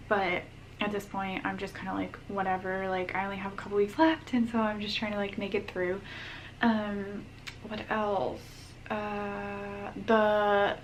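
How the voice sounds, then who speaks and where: A woman's voice: medium pitch, slight background noise. A pregnant young woman giving a casual vlog update, chatty and full of ums and likes, a little out of breath. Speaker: vlogger.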